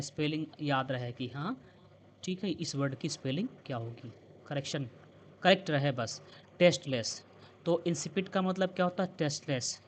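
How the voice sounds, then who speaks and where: A man teaching English vocabulary, explaining words in Hindi and reading English example sentences slowly, often prompting with "है ना?". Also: fairly high pitch. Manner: repetitive prompting questions with tag "है ना?". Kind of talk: bilingual vocabulary lesson.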